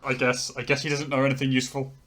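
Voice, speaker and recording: A man's voice: mid-range voice, completely flat delivery, rapid-fire, bright, forceful tone. A man playing in an improvised tabletop role-playing game, hesitating with fillers and stammers. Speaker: player. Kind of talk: in-character improv play.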